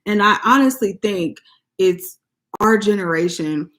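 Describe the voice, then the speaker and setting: An American woman with a mid-pitched voice chats informally as a vlog co-host. She is candid and opinionated, and her language is loose and sweary. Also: animated, unhurried, fairly bright tone. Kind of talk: casual opinionated chat.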